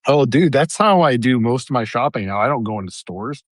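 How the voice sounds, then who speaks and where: Expressive and a little fast, this medium-pitched co-host keeps the podcast conversation relaxed and talkative. He scatters "like" and "dude" everywhere, recorded in studio quality with no room sound.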